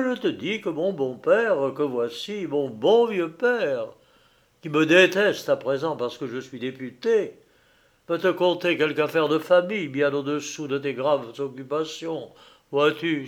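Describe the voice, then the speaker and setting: A man reading an audiobook, voicing a proud, anguished grown son who pleads urgently. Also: fairly high pitch.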